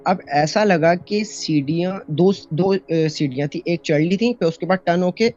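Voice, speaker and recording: A man's voice: high voice, moderate pace, darkish tone. A young man from Pakistan telling a personal horror story in a casual, rambling way, full of fillers and restarts, recorded as a phone voice note. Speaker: storyteller sharing a personal encounter. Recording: dull lo-fi voice note, faint music.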